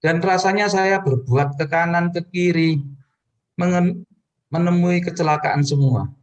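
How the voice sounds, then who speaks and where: A man's voice: steady tone, unhurried, lo-fi sound. A man preaching in a personal testimony, telling his story earnestly to the congregation and addressing them directly. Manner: earnest storytelling with sudden pitch rises.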